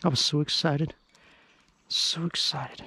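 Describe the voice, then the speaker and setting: A man's voice: on the high side, steady tone, slow, bright, forceful tone, a little hiss or hum. A man chatting casually on a riverbank as he fishes, explaining what he does as he goes, picked up on a camera mic. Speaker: fishing vlogger. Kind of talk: casual narration while fishing. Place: outdoors on a riverbank at dawn. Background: faint birds and outdoor ambience.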